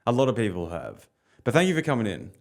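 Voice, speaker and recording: A man hosting a casual interview podcast. His voice swoops up and down with lively range. His questions are friendly and eager, loose with fillers. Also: mid-range voice, quick pace, gravelly. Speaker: podcast host.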